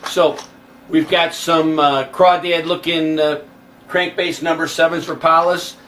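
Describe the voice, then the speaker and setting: A man's voice: fairly high pitch, flat delivery, a little slow, fairly bright tone. A man hosting a fishing show, chatting casually and explaining step by step while he shows lures. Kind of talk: casual chat. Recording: picked up from a distance, faint background noise.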